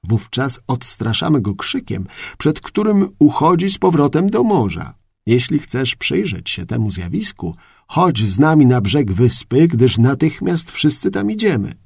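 In this storybook tale an earnest royal horse groom explains things in a raised, carrying voice that sits a little higher than usual, as a male reader puts him on. The tone stays gravelly and husky, and it sounds close and dry. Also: big pitch swings, a little slow, a little mellow, no echo, full character voice. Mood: explaining. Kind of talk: audiobook character reading.

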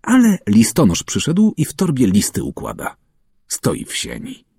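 A man reading a children's story aloud with expressive narration, acting out the characters' calls and shouts. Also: medium pitch, moderate pace, gravelly, breathy edge, dry recording, clean studio sound. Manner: acts out calls and shouts, varies voice widely. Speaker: audiobook narrator.

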